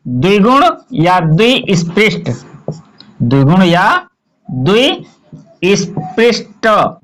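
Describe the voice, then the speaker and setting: A male teacher walks slowly through a grammar lesson. He poses a question and then answers it himself, as in a classroom drill. He lists example words one by one at an unhurried pace. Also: sits high, fairly bright tone.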